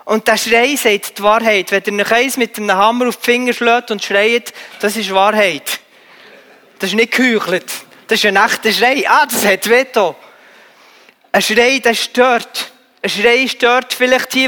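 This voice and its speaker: High, bright-voiced preacher man in a hall. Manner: earnest, pleading, often halting with fillers. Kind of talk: sermon.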